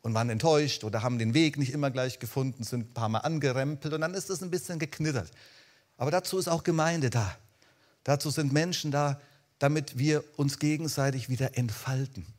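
A man preaching a lively sermon, talking straight to his listeners and swinging between loud calls and soft, hushed lines. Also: medium pitch, normal speed.

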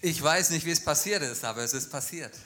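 A man interpreting a speaker line by line at a church, fluent and quick. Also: a little high, sharp tone. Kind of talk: live consecutive interpreting in a church.

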